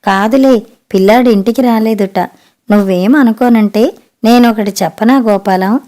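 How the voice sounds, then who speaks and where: A female narrator plays a middle-aged man breaking awkward news to his friend, choosing words slowly and hesitantly. Her tone stays soft and warm, like a storybook reading. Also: on the high side, close to an everyday voice. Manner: slow, hesitant, careful. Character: cautious male friend, middle-aged card player.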